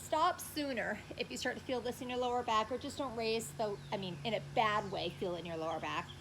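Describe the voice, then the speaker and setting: Higher-voiced woman coaching a workout amid cicadas. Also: a little fast. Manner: encouraging, cueing moves step by step. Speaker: fitness instructor. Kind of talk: instructional workout coaching with counting. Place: outdoors. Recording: clearly noisy, loud cicadas outdoors. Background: loud buzzing cicadas.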